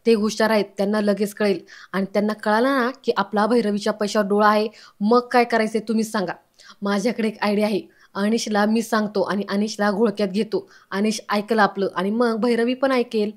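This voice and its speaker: A man's voice: high-pitched, little pitch movement, fairly quick, close to an everyday voice. A woman voicing a sly, scheming middle-aged man from the housing society, talking in a persuasive way.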